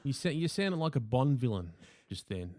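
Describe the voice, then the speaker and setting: An Australian podcast host calls in from home for a casual comedic chat, teasing in a mock-serious way. His medium-pitched voice is sing-song and darkish at a normal pace, recorded cleanly in studio quality with no echo.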